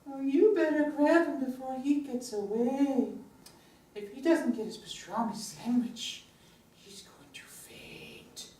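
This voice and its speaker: Man doing a tiny unicorn, high squeaky voice, meddling, echoey room, distant mic. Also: slow, dark tone, a little hiss or hum. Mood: teasing.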